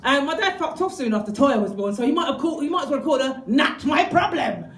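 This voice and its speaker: A woman performing a bawdy stand-up comedy set, shouting punchlines in put-on voices. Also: sits high, expressive, fast talker, heavy background noise. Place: comedy club stage with laughing audience. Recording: echoey club, crowd laughter.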